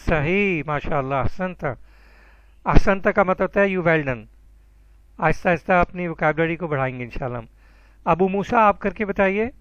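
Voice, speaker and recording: High-voiced man teaching an online class. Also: animated, a bit bright, no room sound, highs cut off. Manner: patient, encouraging, calls students by name. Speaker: Arabic teacher.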